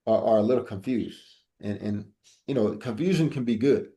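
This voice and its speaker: Over a video call, a trading instructor teaches a casual live class, talking loosely and jokingly and often repeating words as he restarts a thought. His voice is fairly low and mellow, at normal speed.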